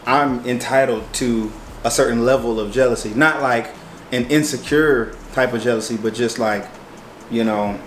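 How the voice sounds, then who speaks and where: An American man chats casually in a medium-pitched voice. He thinks aloud haltingly and keeps checking he is understood. The room is echoey, with faint noise behind him. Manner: hesitant, thinking aloud, hedging with frequent checks. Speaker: co-host of a mukbang chat show. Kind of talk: casual relationship chat. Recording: roomy echo, faint background noise.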